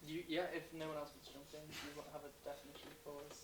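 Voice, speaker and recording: A brisk man moderates a panel, reads out questions and pushes the discussion along. His slightly higher voice sounds distant in a reverberant room with noise behind it. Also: flat delivery. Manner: brisk, keeps things moving. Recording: echoey hall, far from the mic, noise.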